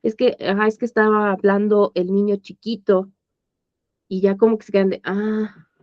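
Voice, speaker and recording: A woman's voice: mid-range voice, level tone, normal speed, no room sound. A woman with a Mexican accent teaching an online course in a conversational way, often checking that her listeners follow. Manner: conversational, checks understanding with tag questions. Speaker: course instructor. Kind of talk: informal online lesson. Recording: dull, dry lo-fi audio.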